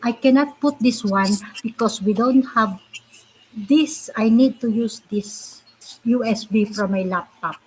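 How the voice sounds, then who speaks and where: A woman chatting casually in halting, non-fluent English, often repeating herself. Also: on the high side, poor audio. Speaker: live stream host. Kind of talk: casual chat. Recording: faint background noise.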